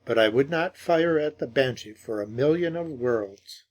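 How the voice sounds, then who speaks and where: A man's voice: mid-range voice, animated, moderate pace, darkish tone, natural voice. A man playing an uneasy loyal friend. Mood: earnest.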